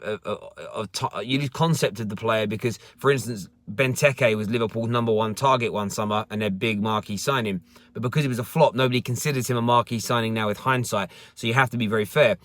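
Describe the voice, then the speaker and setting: Chatting casually on a live stream, a young football channel host responds to viewer comments from his parked car, frequently repeating words and starting sentences over. His voice is fairly low in pitch yet fairly bright in tone. The recording is dry and studio quality.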